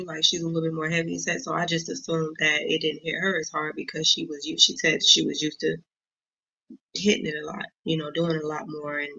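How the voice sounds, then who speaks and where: Woman guest, gravelly and bright, halting delivery, dull lo-fi recording. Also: low voice. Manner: hesitant, many pauses and ums. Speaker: guest sharing her story. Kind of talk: casual interview talk.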